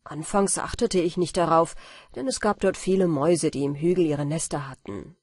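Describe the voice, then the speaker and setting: A woman narrating a bedtime fairy tale in a calm, even reading voice. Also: low voice, normal speed, no room sound, clean studio sound. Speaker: audiobook narrator.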